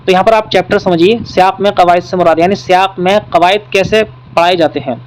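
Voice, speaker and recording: A man with a fairly high voice teaches an exam-prep lesson. He works through each question patiently and repeats the key points. Faint traffic noise sits behind him. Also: fairly even intonation, rough recording.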